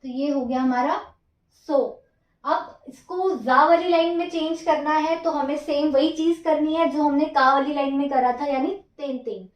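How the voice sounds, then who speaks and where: A woman's voice: sits high, steady tone, moderate pace, reverberant. A woman teaching Japanese script, counting out each stroke in a patient, stepwise way. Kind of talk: slow stroke-by-stroke writing lesson.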